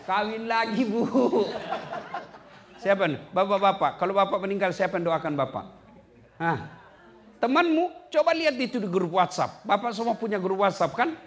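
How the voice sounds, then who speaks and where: A man preaching a lively sermon to a congregation. He asks the listeners direct questions and swings between low, hushed storytelling and high, loud punchlines. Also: moderate pace. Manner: addresses the audience directly with questions. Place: community gathering hall.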